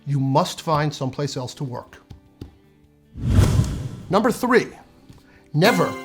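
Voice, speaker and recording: A man in his fifties delivering a scripted comedic monologue, sardonic and profane, with punchy timing. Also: fairly high pitch. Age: 50s. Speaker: comedic essayist.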